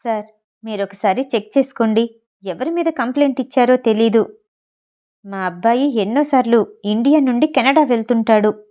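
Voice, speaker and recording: A woman's voice: fairly high pitch, moderate pace, dark tone, natural voice. A woman voicing the groom's middle-aged father pleading with the police, in a storybook reading.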